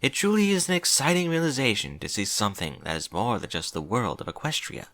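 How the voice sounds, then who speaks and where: Man voicing Princess Celestia, a soft, regal pony princess. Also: medium pitch, big pitch swings, a little fast, no room sound. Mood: stately. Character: regal, earnest female pony princess, gentle and anxious.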